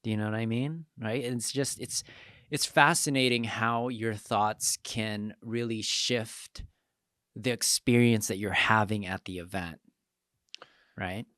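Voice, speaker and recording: A man's voice: on the low side, fairly even intonation, a little slow, sharp tone, no room sound, clean studio sound. A man hosting a podcast in casual conversation, affirming his guest often with short agreements. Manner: affirming, frequent backchannel agreement. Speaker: podcast host.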